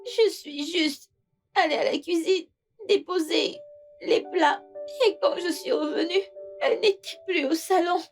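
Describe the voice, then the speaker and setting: A woman's voice: very high-pitched, unhurried. A woman dubbing an anxious young housemaid who speaks in a panicky, tearful way. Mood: panicked. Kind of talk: dubbed film acting. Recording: distant mic with music.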